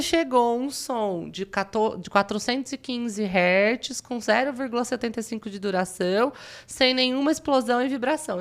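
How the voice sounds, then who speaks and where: A Brazilian woman with a São Paulo state accent, a guest audiologist explaining how hearing works as if giving a lesson, lively and full of restarts. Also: on the high side.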